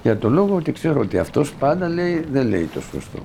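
A man's voice: mid-range voice, very animated, vocal fry, background noise. A middle-aged man from Greece telling a first-person story from his past in a plain, vivid way, quoting the people involved. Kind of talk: spoken first-person recollection.

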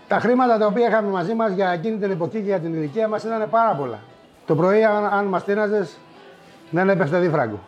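A middle-aged man telling old stories in a wry, unhurried way, with many asides and fillers. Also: a little high. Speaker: storyteller. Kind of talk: spoken reminiscence.

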